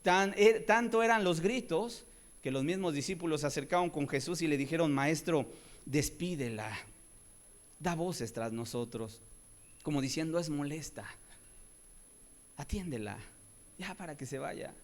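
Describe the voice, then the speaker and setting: Fervent preacher. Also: male voice, lively intonation, unhurried, long pauses. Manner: swings between soft low pleading and loud raised cries; often asks his listeners rhetorical questions. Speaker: pastor. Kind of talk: sermon.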